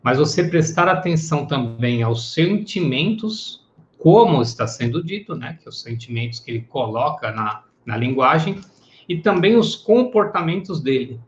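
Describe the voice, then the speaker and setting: A man's voice: a little high, lively intonation, moderate pace. A man teaching psychoanalysis in a live-streamed lecture, explaining patiently and checking in with listeners with short tag questions. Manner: explanatory, greets viewers by name, tag questions. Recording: echoey, dull lo-fi room sound.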